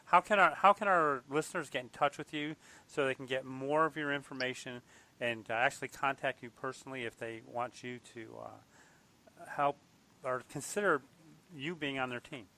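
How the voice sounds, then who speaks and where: A man hosting a podcast interview, upbeat and chatty, laughing often and restarting his sentences, a bit hoarse. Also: mid-range voice, normal speed, sharp tone. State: losing his voice. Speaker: podcast host. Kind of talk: casual interview chat.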